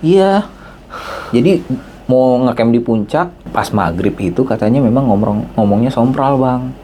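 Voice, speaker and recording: Animated man telling a story. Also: normal speed, a little hiss or hum. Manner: animated, acts out dialogue with raised pitch. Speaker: podcast guest storyteller. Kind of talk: casual storytelling chat.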